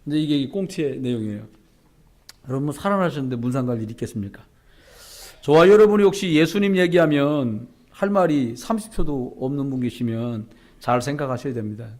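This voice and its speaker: A man's voice: mid-range voice, fairly quick, darkish tone. A man pastor preaching a sermon in a church, conversational and joking with the congregation. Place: church sanctuary.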